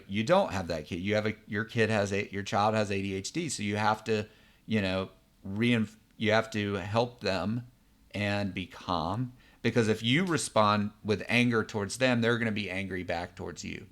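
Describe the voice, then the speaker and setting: A man's voice: fairly low pitch, steady tone, normal speed, fairly bright tone. A man, a psychologist, explaining a topic in a conversational way, often checking in with the listener. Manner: conversational, many fillers and check-ins. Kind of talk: explanatory lesson.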